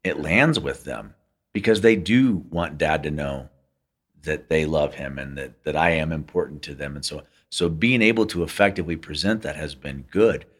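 A man's voice: a bass voice, moderate pace. A man co-hosting a podcast, speaking earnestly and reflectively in casual conversation. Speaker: podcast co-host. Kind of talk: casual chat.

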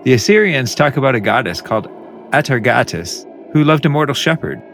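A man co-hosting a podcast in casual banter, jokey and quick to laugh. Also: medium pitch, big pitch swings, fairly bright tone, faint music behind. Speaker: podcast co-host.

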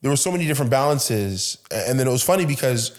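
Fast-talking podcast host, chatty. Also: male voice, mid-range voice, animated. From Canada. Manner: chatty, storytelling, asks follow-up questions. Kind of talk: conversational interview.

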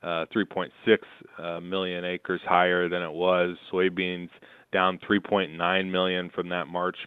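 A man comes through a telephone line, his voice low and smooth despite the thin, narrow band of the call. He speaks in a measured, steady way, pausing on fillers as he walks through the markets. The sound is dry, with no room around it. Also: no room sound. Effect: heard over the phone. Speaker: market analyst guest. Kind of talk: market commentary.

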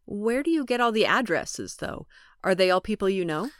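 A woman's voice: mid-range voice, expressive, moderate pace, smooth. A woman hosting a podcast, asking her guests questions in a cheerful way and laughing easily. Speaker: podcast host. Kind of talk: scripted podcast interviewing.

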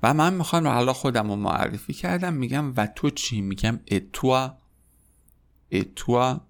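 An Iranian man in his thirties, a French teacher, gives a podcast lesson in a medium-pitched voice with lively intonation. He says French phrases slowly and clearly, then explains them quickly in Persian.

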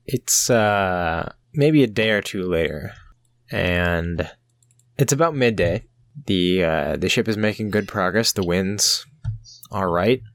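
A man narrating a tabletop game as game master, improvising with hesitant pauses mid-sentence. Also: deep voice, lively intonation, no echo.

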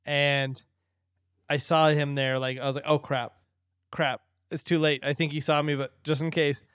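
A man's voice: a little high, level tone, normal speed, a bit bright, clear, resonant tone, no room sound. Man, podcast co-host, rambling anecdotes, frequent laughs, dry close sound. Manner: rambling storyteller, laughs often. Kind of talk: casual chat.

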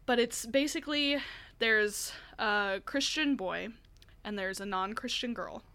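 A woman's voice: fairly high pitch, unhurried, pushed and bright. A woman co-hosting a casual podcast, retelling a video with lots of giggling, still getting over a cough. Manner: giggly, retells stories animatedly. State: lingering cough. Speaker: podcast co-host. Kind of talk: casual chat.

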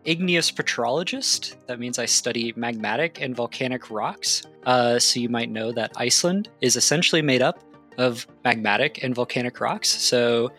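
Bright enthusiastic young man explaining. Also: mid-range voice, normal speed, soft background music. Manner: enthusiastic, explanatory, filler-heavy. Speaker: guest geologist. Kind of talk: casual interview answers.

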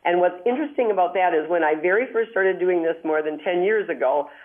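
A woman's voice: fairly low pitch, fast talker. A woman hosting a call-in travel show from a speakerphone, chatty and upbeat, explaining at length. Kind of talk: call-in radio advice. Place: hotel room far from studio, calling in. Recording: tinny speakerphone line.

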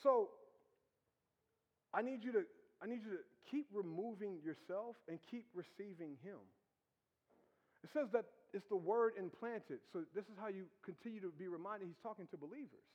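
A man preaching with a high voice, teasing and conversational as he works the congregation with rhetorical questions. His sermon rings out in a church hall with a long reverb and a dull, muffled tone. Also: normal speed, darkish tone. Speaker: pastor.

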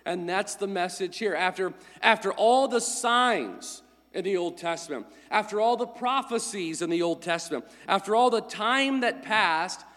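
In a church sanctuary, a male pastor with a high, animated, slightly bright voice gives a conversational, friendly sermon with announcements at a moderate pace. He is congested from a lingering cold and speaks into a pulpit microphone, with long church-hall reverb around him.

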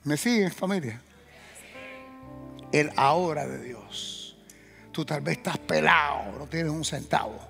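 A man preaching a sermon as pastor, calling out questions to the congregation and breaking into loud, rising bursts. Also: fairly high pitch, expressive, slow pace, vocal fry, long pauses, big-room sound, faint music behind.

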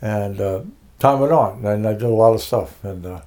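A man's voice: fairly low pitch, normal speed, mellow. Older man rambling through his life story. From Connecticut. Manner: rambling, many fillers and restarts. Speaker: interview guest, music producer. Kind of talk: casual interview, life story.

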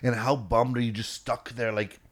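A man co-hosting a podcast in casual chat, musing and thinking out loud in halting starts. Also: medium pitch, level tone. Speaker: podcast co-host.

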